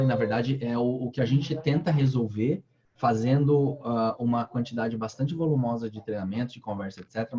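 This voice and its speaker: A man's voice: medium pitch, warm tone, dull audio, slight background noise. A man giving a casual online training talk, often restarting his sentences and using fillers. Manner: hesitant, many restarts and fillers.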